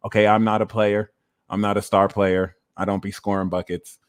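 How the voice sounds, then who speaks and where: A man's voice: on the low side, flat delivery, normal speed, smooth, no room sound. A man from New Jersey giving a casual, rambling astrology talk, prone to tangents and repeating his phrases. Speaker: astrologer and reader.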